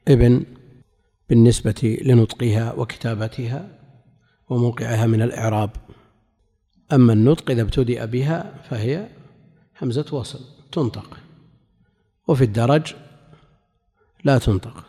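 A man gives a religious lesson in a measured, explanatory manner, pausing between phrases. His voice is mellow and dark. It carries a long reverb, as if he were in a large hall. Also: medium pitch. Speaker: religious teacher. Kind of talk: lecture explaining a classical hadith commentary.

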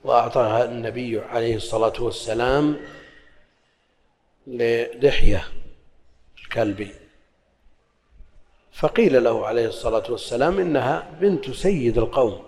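A man's voice: mid-range voice, normal speed, long pauses, darkish tone. A man teaching a religious lesson, explaining texts and moving between formal recitation and colloquial asides. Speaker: Islamic scholar teaching hadith. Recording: long hall reverb.

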